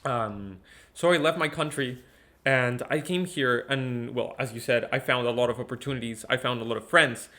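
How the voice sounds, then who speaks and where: A man's voice: mid-range voice, moderate pace. Young man from Ecuador, chatty guest. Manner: relaxed, chatty, frequent fillers and repeats. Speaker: guest musician. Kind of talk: casual interview talk.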